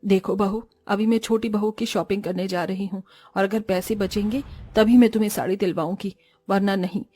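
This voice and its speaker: A woman's voice: mid-range voice, fairly even intonation, normal speed, dark tone, close to an everyday voice. A woman voicing a stingy middle-aged mother-in-law in a cartoon, talking in a scolding, dismissive way.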